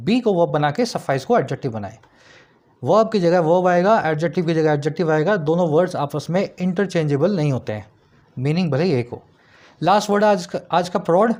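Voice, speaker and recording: A man teaching English vocabulary, explaining words patiently and reading example sentences slowly. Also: high voice, darkish tone. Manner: explanatory, asks students rhetorical checks, reads example sentences slowly. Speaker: English tutor.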